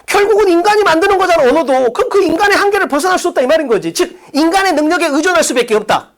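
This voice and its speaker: A woman's voice: very high-pitched, lively intonation, rapid-fire. A woman teaching an exam-prep English class in an academy classroom, firing off rhetorical questions and bluntly insulting students with profanity. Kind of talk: lecture on exam reading questions.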